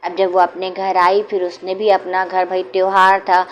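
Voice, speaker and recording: A woman narrating a village folk tale in a homely, unhurried way, pausing to explain old customs. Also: fairly low pitch, monotone. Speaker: storyteller. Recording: dull lo-fi sound, faint noise.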